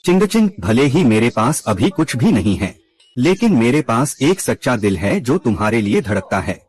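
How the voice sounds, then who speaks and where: A man's voice: medium pitch, big pitch swings, normal speed, a little mellow, breathy edge, dry recording. A man narrating a drama recap in a scripted way, reading out every character's lines himself.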